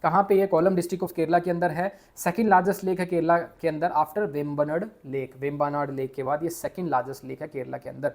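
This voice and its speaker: A man from India with an Indian accent, teaching a quick exam revision lesson, mixing English into his speech and stumbling over hard names. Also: fairly high pitch, fairly even intonation, a little mellow. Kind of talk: casual exam revision lecture.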